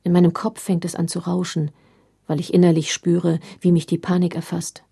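A woman reading a story aloud in a measured storytelling manner. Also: fairly low pitch, little pitch movement, vocal fry, warm tone, breathy edge. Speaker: reader.

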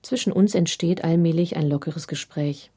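A woman reading a story aloud in a measured storytelling manner. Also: low-pitched, dark tone, slightly rough. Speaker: reader.

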